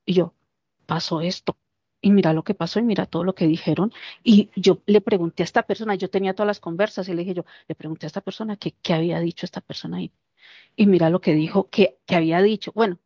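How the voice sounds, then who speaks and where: Woman, animated storyteller, acts out quotes, dull lo-fi sound, dry close recording. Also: mid-range voice, slightly rough, no echo. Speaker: interviewee. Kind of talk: casual storytelling.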